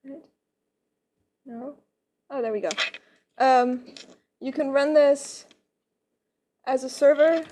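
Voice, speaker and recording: Female conference speaker, high voice, hurrying informally through a short tech demo. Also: fairly even intonation, takes it slowly, pauses often, warm tone. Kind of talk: informal lightning talk with software demo.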